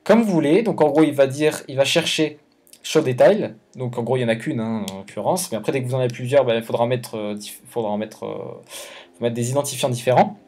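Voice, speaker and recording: A man's voice: medium pitch, a little fast, darkish tone. A man hosting a casual coding tutorial, thinking aloud with hesitations and self-corrections in an informal, slangy way. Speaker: YouTube tutorial host.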